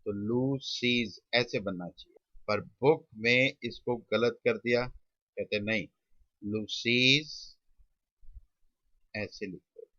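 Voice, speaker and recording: A man, teaching a shorthand lesson. He drags out sounds slowly and mixes English terms into his teaching. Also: mid-range voice, a bit bright, no echo, muffled recording. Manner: slow, stretched-out sounding of words, mixing English terms. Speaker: shorthand tutor. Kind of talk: classroom lesson.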